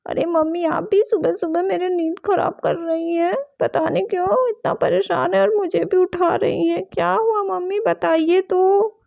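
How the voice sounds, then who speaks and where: A woman's voice: very high-pitched, fairly even intonation, a little slow, creaky, hardly any pauses, a little mellow, lo-fi sound, exaggerated voice. Woman doing a whiny sleepy daughter. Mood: grumbling. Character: young daughter, sleepy and grumbling.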